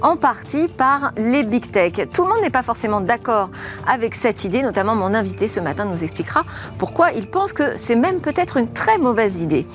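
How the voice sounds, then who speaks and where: A woman hosting a tech show, who introduces the topics and guests in a lively, brisk way with some fillers. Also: fairly high pitch, faint music behind. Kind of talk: broadcast show hosting and interviewing.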